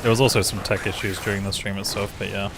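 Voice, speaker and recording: A man's voice: fairly low pitch, quick pace. A man streaming a game, chatting casually with viewers in a tired, laid-back way. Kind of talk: casual live-stream chat. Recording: steady background noise.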